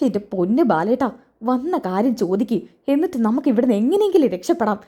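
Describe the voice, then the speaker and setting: A woman's voice: on the high side, expressive, fast talker, dark tone. A woman voicing a fussy, complaining male companion who follows his boss around. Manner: whiny, complains.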